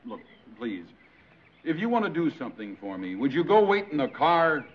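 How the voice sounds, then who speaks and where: An American actor playing an excitable, easily exasperated middle-aged duck hunter in a 1960s television sitcom. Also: male voice, fairly high pitch, normal speed. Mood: exasperated, urgent. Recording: muffled old TV soundtrack, loud audience noise.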